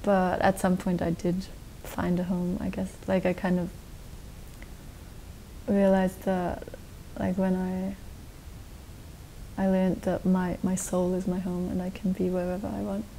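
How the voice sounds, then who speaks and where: Young woman, from Austria, interview guest, mellow, flat delivery, rambling with fillers, dark studio, faint rumble. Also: a little slow, pauses often, rough recording. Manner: relaxed, rambling with many likes and restarts. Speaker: guest musician. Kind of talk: casual interview answers. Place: dark television studio set.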